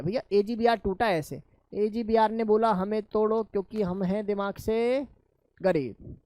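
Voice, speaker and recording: A man teaching a chemistry lesson, asking his students questions and answering them himself in a lower voice, calling them children. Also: darkish tone, no echo. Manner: addresses students affectionately as children. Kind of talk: classroom lecture.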